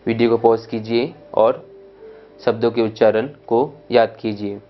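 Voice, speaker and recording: A man teaching spoken English in a slow explanatory lesson, going over letters and their sounds one at a time. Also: on the low side, level tone. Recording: dull lo-fi sound with faint music.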